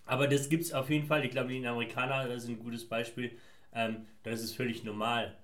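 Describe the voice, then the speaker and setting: A man's voice: mid-range voice, level tone, a little fast, a bit bright. Man, from Afghanistan, interview guest, reflective, winding sentences, medium voice, echoey room. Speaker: guest, founder. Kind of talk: casual interview answers. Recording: roomy echo.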